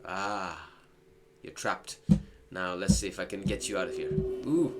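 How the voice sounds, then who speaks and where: With a deep, steady voice at a measured pace, this man reacts to the game as he plays, muttering to himself and answering it in casual commentary while he thinks aloud. He hosts gaming videos, and there's clearly noise in the background of the recording.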